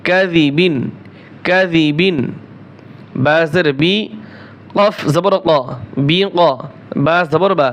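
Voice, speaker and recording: A man's voice: a little high, fairly even intonation, a bit bright, dull audio. A man teaching Quran reading, spelling Arabic words out syllable by syllable and repeating each word. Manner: slow, drawn-out syllable-by-syllable spelling with repetitions. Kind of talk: spelling-out recitation lesson.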